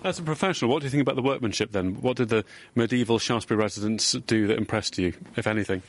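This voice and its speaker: A man presenting and interviewing outdoors, asking brisk, curious questions. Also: medium pitch. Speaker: local radio presenter. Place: outdoors on a hillside street.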